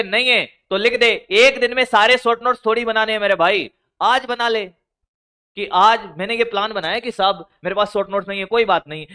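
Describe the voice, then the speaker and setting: A man's voice: sits high, bright, forceful tone, smooth. A physics teacher giving scolding, motivational study advice, full of rhetorical questions to his students.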